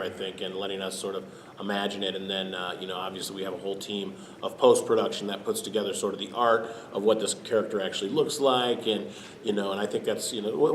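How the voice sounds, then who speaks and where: Male cast member, lowish voice, rambling and casual, echoey room. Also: a little hiss or hum. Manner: rambling, many fillers and restarts. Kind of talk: casual interview chat.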